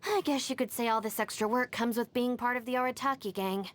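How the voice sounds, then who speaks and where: In these video game voice lines, a woman plays a no-nonsense young gang deputy who sounds dryly confident and capable. Her pitch sits on the high side and stays close to everyday speech, while her delivery is brisk, composed and matter-of-fact.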